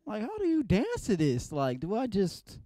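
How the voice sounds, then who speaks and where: A man's voice: high voice, wildly swooping pitch, moderate pace, dark tone, no echo. A young man from San Jose doing a stand-up set, playful and mock-indignant as he chats with the crowd. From San Jose, California. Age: young adult. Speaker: stand-up comedian.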